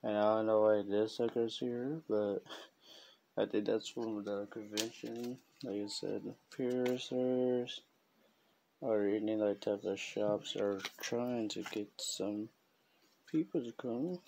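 Man, low gravelly voice, slow rambling show-and-tell, faint hiss behind. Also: fairly even intonation, darkish tone. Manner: slow, rambling, chuckles often. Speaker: collector showing business cards. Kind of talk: casual show-and-tell vlog.

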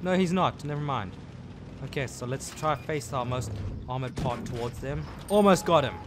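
A man's voice: mid-range voice, normal speed. Man casually muttering over game noise. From South Africa. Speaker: gaming channel host. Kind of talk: live gameplay commentary.

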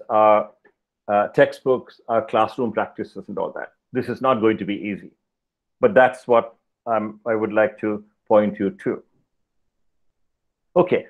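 An older man giving a keynote lecture over slides on a video call, talking in a measured, deliberate way with pauses and fillers. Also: medium pitch. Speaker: keynote speaker. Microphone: headset, video call. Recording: slightly dull video-call audio.

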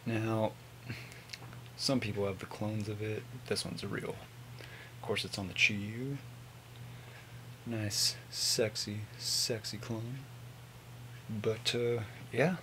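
A man in his twenties giving a casual, mumbled, sweary product review on a low-volume webcam recording. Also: steady tone, unhurried, pushed and bright, slight background noise, low-quality recording. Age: 20s. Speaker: vape reviewer. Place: small home room with hanging clothes.

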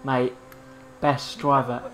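A young man giving casual, excitable gameplay commentary, swearing and laughing often. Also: mid-range voice, takes it slowly, a little hiss or hum. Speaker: gaming channel host.

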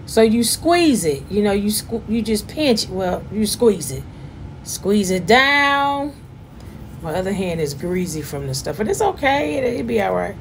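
A woman, chatting loudly and jokingly as she gives a casual demonstration at home. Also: mid-range voice, measured pace, a little hiss or hum. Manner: chatty, joking, loud and animated. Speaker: vlogger giving a demonstration.

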